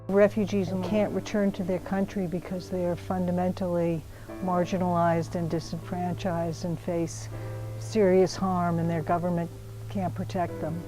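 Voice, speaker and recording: A woman explaining the situation of refugees clearly and articulately in a documentary. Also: lowish voice, little pitch movement, moderate pace, poor audio. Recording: music playing underneath.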